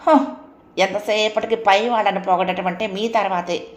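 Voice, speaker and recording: A woman's voice: medium pitch, steady tone, normal speed, echoey room, close to an everyday voice. A woman voicing a nosy, bossy middle-aged housewife who nags and gossips irritably. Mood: irritable.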